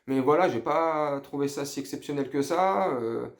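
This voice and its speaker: At normal speed and in a voice on the high side, a middle-aged man chats to viewers about the match as a football fan. The debrief is casual and slangy, full of rambling and hesitation, and his tone is underwhelmed and unenthusiastic.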